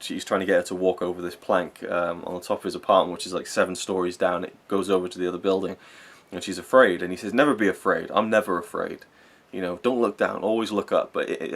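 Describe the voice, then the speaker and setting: Man, young adult, low voice, casual film review, rambling, earnest. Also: a bit bright. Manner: rambling, earnest, gets emotional, swears casually.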